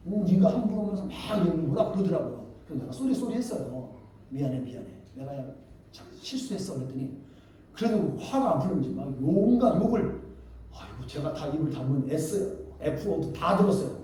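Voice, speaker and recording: A man's voice: fairly high pitch, lively intonation, brisk, dark tone. A man in his fifties, a pastor telling a personal story in a sermon, acting out the lines of the people in it. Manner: storytelling, quoting others in dialogue. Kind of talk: sermon testimony. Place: church hall. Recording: very echoey hall, distant mic, faint hiss.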